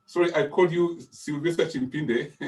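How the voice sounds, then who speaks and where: A man hosting a live video call, prodding his guests with quick questions. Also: on the high side, steady tone, darkish tone. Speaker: host. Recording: distant from the mic.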